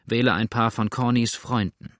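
A man's voice: mid-range voice, fairly even intonation, moderate pace, no room sound, studio quality, natural voice. A man reading aloud as an earnest, determined lady who pleads firmly in a storybook. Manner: pleading, firm.

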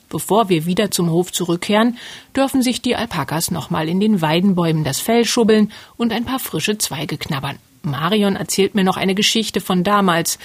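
A woman calmly narrating a documentary report as a reporter. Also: fairly low pitch, husky, no room sound. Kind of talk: scripted narration.

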